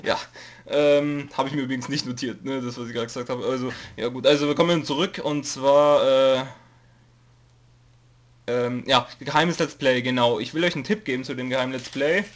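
Here a young male let's player with a cold delivers a YouTube channel update in a medium-pitched, fairly even, brisk voice. It's a casual, rambling info video: he sounds hesitant, leans on lots of fillers, reads off a note, and keeps cracking jokes.

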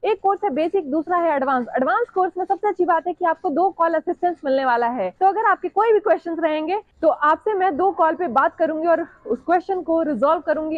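Woman in her 30s vlogging in a big store, high voice, chatty, explaining stuff, dry lapel mic. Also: expressive, fairly quick, few pauses, no room sound, narrow, tinny audio. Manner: chatty, explains prices to the camera. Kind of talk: casual vlog narration. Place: large supermarket, indoors.

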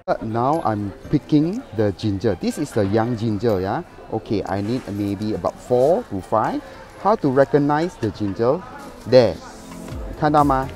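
A middle-aged man walks viewers through a home recipe in a chatty, excitable way, hopping between English and Mandarin. His voice sits at an average pitch for a man and comes through a lapel mic, with faint music underneath. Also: unhurried. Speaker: cooking show host. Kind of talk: casual cooking demonstration. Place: outdoor market, then home kitchen.

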